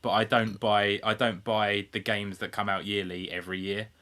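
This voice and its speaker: This British man co-hosts a podcast over an internet call, his lowish voice bright and forceful, with little pitch movement and a moderate pace. The chat is casual, laid-back and sweary, full of "like."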